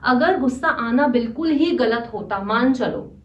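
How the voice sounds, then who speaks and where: A woman's voice: fairly high pitch, expressive, a little slow. A woman life coach giving an earnest, conversational motivational talk, mixing in English phrases. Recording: echoey, distant and dull.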